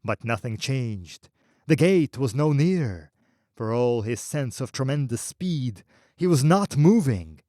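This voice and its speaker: Slow, expressive male audiobook narrator. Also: mid-range voice, no room sound, clean studio sound.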